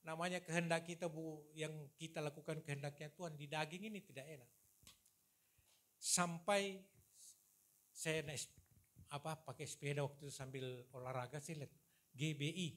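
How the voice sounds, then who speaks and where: A man in his sixties, a pastor, telling his own story in a lively sermon to his congregation. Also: a little high, moderate pace, pauses often. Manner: storytelling, animated, addresses congregation as "saudara". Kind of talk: sermon with personal testimony. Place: church service.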